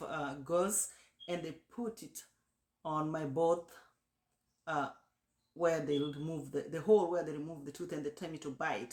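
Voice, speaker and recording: Someone vlogging casually, medium pitch, explains stuff and repeats it, pretty echoey room. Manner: repetitive explaining, addressing the viewer directly. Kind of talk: casual first-person vlog recounting an experience with practical tips. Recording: roomy, echoey sound.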